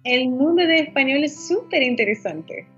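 A woman chatting casually about Spanish accents, lively and playful, laughing often. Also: high-pitched, normal speed, lo-fi sound, soft background music.

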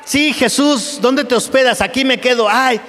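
A fussy, pampered male believer whines in a voice pitched far above normal , as a preacher puts him on. The sound carries a long reverb from a church hall. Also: moderate pace, fairly bright tone. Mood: whiny.

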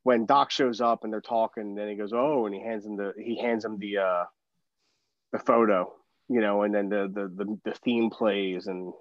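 A man's voice: lowish voice, fairly even intonation, normal speed, no room sound. A man chatting casually about films, rambling with many restarts and fillers. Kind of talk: casual film discussion. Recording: dull lo-fi dry sound.

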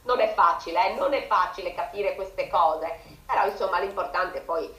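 A teacher, a woman, reading a children's story aloud on radio with a very expressive voice. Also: fairly low pitch, normal speed, echoey room, low-quality recording.

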